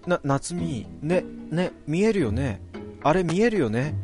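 A man reading aloud, voicing an excitable young friend with a chirpy, quick voice, with vehicle noise behind. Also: a little high, soft background music, voice pushed up. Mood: scared.

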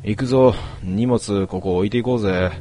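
A man playing a rough young man who talks in blunt, gruff slang. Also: on the low side, normal speed, mellow, a little hiss or hum, natural voice.

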